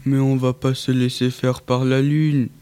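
A man's voice: medium pitch, flat delivery, a little slow, mellow, clear, resonant tone, lightly acted. A man voicing a determined, eager female cow in a children's audiobook, speaking firmly and insistently.

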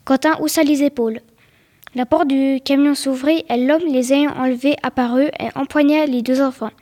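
High-voiced woman reading a story aloud. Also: fairly even intonation, normal speed, warm tone. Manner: plain storytelling read with small stumbles and repeated words.

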